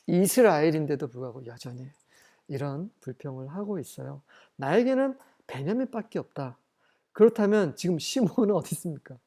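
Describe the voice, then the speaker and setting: Bible study lecturer who reads verses slowly, then explains them with rhetorical questions. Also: medium pitch, dark tone. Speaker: English Bible teacher.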